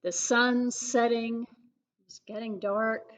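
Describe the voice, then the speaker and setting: A children's librarian, a woman, reading a picture book aloud with expressive storytelling and questions for young listeners. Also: on the high side, takes it slowly. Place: public library.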